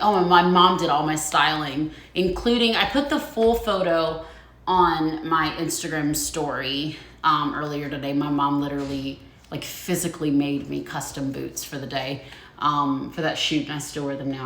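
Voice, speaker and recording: Bright-voiced woman chatting on a livestream. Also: sits low, slight background noise. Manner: chatty, rambling, laughs often. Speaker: author. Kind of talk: casual livestream chat. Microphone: phone. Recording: roomy echo.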